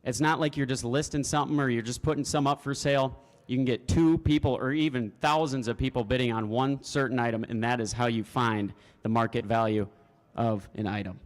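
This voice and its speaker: A man's voice: medium pitch, fairly even intonation, brisk. A man, an auctioneer contestant, giving spoken interview answers to a room. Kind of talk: spoken interview answers before a live audience.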